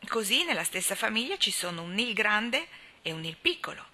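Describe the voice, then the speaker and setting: A woman's voice: mid-range voice, sing-song, normal speed, pushed and bright, heavily acted. A woman reading the part of a talkative, gossipy older spinster in an audiobook, in an emphatic, chatty manner. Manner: chatty, emphatic, sighing storyteller.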